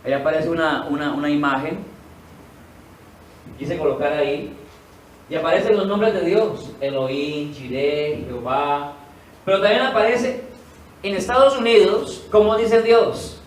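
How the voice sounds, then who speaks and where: A man's voice: fairly high pitch, measured pace, long pauses, slight background noise. A male pastor teaching a sermon, asking the congregation questions and answering them himself, repeating key words for emphasis. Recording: echoey room, voice from a distance, faint ambience.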